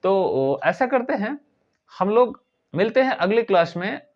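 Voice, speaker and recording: A man teaches an English grammar lesson, his voice sitting high for a man. He explains patiently, repeats his points and spells words out slowly. The recording is dull and lo-fi. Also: big pitch swings.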